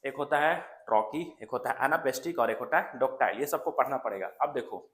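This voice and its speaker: A man's voice: medium pitch, a little fast, fairly bright tone, echoey room. A man giving an exam coaching lecture, repeating key terms and checking in with students often. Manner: repetitive, checks in with "है ना" and "clear". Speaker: exam prep teacher.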